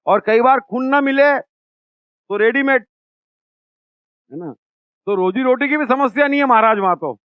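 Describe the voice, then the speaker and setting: A man voicing an eager male mosquito minister in a spoken parable, pitching a new home persuasively. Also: measured pace, long pauses, clear, resonant tone, no room sound, highs cut off.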